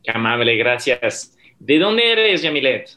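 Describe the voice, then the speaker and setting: A man's voice: medium pitch, big pitch swings, a little slow, sharp tone. A man, a university professor hosting an interview podcast, asking polite questions with a few fillers.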